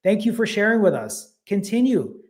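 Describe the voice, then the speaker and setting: A man's voice: high-pitched, sing-song, normal speed. A man, casually hosting a live stream, reading viewer comments and thanking people by name, a little out of breath. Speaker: fasting channel host.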